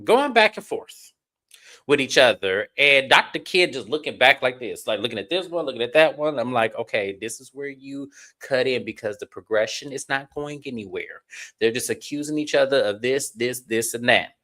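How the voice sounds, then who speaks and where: Hosting a live stream, a man recaps a reality show episode, chatting casually and addressing viewers directly in a chatty, animated way. His voice is medium-pitched at a moderate pace.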